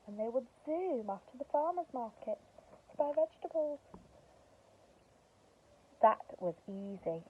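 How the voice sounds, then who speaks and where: A woman with a mid-range voice reads a picture book to young children as their teacher, explaining things simply with questions and emphasis. The audio is narrow and tinny, with a little hiss or hum.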